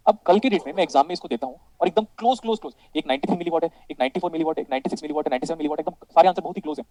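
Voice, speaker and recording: High-voiced man teaching a class. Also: very fast, dark tone, no echo, rough recording. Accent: Indian. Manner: calls students "beta" and keeps asking if it is clear; jokes with the class. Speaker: electronics teacher. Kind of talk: classroom lecture in mixed Hindi and English.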